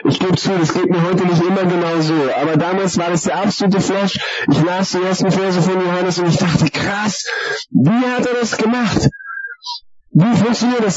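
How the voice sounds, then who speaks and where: A man preaching his personal testimony, earnest and emphatic, stretching some phrases out slowly. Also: sits high. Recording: dull lo-fi recording with crowd behind.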